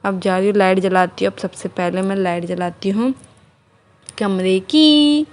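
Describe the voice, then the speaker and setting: Indoors at home, a young mother from India vlogs casually about her day while minding her baby, talking warmly to her viewers and to the little one. Her mid-range voice is brisk and level in tone, with a slightly mellow quality.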